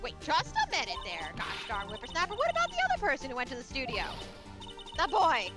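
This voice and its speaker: Cranky old lady, very high pitch, swooping delivery, indignant, theatrical, drawn-out words, comedic game voice-over. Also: wildly swooping pitch. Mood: flustered indignation. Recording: music behind the voice.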